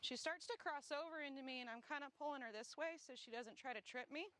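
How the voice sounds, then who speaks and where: Brisk woman trainer, slightly breathless. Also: fairly bright tone, a little hiss or hum. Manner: explains step by step, breaking off for quick high praise and corrections. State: slightly winded from walking. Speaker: dog trainer. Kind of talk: casual instructional talk while walking a dog. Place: outdoors on grass.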